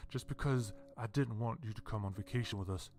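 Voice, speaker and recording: A man's voice: fairly low pitch, a little fast, a little mellow, soft background music, lightly acted. A man voicing a bitter father confronting someone with hard accusations. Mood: accusing.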